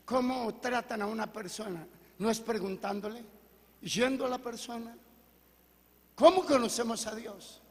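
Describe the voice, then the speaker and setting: A man's voice: extremely high pitch, unhurried, long pauses, long reverb tail. A man preaching a sermon as pastor, reading scripture aloud and questioning his congregation. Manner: preaching with call-and-response questions and Bible reading. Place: church hall.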